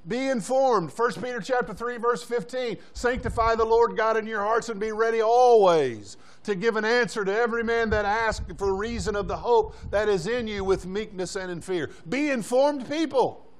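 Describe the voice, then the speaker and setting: A high-voiced man preaching a sermon in a church, pressing his congregation with short repeated commands. He keeps asking them questions, and he is out of breath. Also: normal speed, hardly any pauses. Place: church sanctuary.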